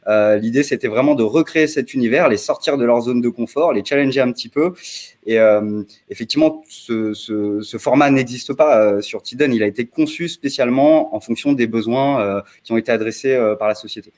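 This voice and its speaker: A man presenting as a start-up representative, answering questions with explanations and frequent hesitant pauses. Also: medium pitch, a little mellow.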